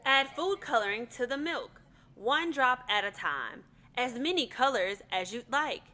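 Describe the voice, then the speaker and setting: A woman hosting an educational kids' demonstration, talking in an excited, encouraging way to a young child, with exclamations. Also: high-pitched, a little slow. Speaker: host of a family kids' science show. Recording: echoey room.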